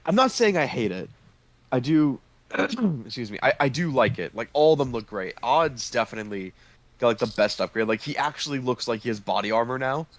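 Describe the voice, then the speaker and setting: A man's voice: medium pitch, lively intonation, fairly quick. A man chatting casually with friends on a call, hesitant and trailing off at times. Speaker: podcast panelist. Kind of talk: casual group chat over a call.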